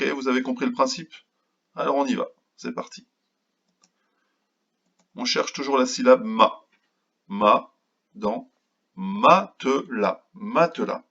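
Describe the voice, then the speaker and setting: A man teaching a phonics lesson to young children, speaking slowly and patiently and sounding out each syllable. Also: mid-range voice, gravelly, a bit bright, highs cut off. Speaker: kindergarten teacher.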